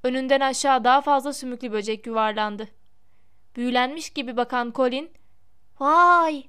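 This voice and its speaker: A woman narrating a storybook in a measured, expressive reading. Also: high-pitched, clear, resonant tone. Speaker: audiobook narrator.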